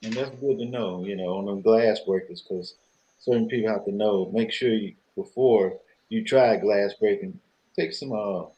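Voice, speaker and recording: A man's voice: fairly low pitch, moderate pace, mellow, dull audio, slight background noise. A man in a casual chat, talking in a folksy, chatty way.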